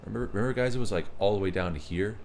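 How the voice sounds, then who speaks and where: Reading viewers' messages aloud, a thirty-something man keeps up casual chatter while gaming on a live stream. He speaks rapid-fire in a lowish, darkish voice, with a little hiss or hum in the audio.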